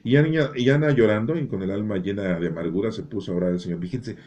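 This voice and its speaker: A man's voice: on the low side, fast, a little mellow, lo-fi sound. A man explaining a Bible chapter in a folksy, joking way, often tagging his remarks with a rhetorical question. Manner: folksy, joking, keeps asking "¿no?". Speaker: Bible teacher.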